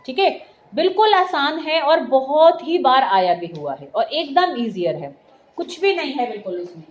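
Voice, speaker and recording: Woman chemistry teacher, high voice, echoey classroom, keeps checking the class follows. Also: very animated, normal speed. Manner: checks understanding often, calls students "beta". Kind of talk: classroom lecture mixing Hindi and English terms. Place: classroom with students answering. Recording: echoey room with faint noise.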